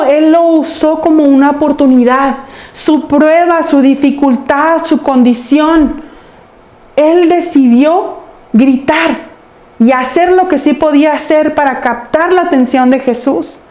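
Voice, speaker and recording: High-voiced woman preaching a sermon. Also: a little mellow, echoey room. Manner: earnest storytelling preaching, addressing the congregation. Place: church sanctuary.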